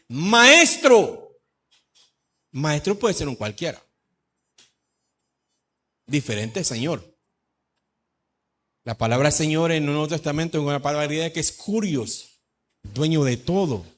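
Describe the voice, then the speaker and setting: A middle-aged male pastor from El Salvador, preaching a lively sermon that swings from shouts to low asides. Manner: animated preaching, shifts from shouts to low asides, says "hermano" often.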